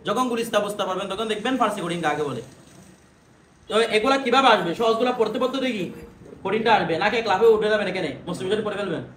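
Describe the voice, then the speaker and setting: Male teacher, high voice, drills pupils with questions; roomy classroom sound. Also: expressive, rapid-fire, a bit bright. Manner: asks students questions and drills pronunciation. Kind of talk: classroom lesson. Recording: echoey room with background noise.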